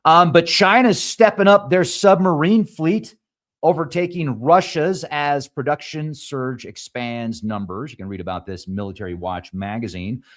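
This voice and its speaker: A show host reads news headlines aloud and tosses in quick asides of commentary. English isn't his first language, so he sometimes stumbles over place names, and his pitch is fairly high.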